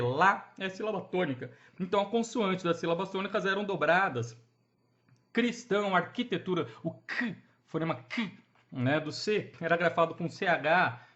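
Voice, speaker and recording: A man's voice: fairly high pitch, fairly bright tone, muffled recording. A man giving an chatty online grammar lesson in Brazilian Portuguese. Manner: chatty, asks rhetorical questions and checks in with the viewer. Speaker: grammar teacher.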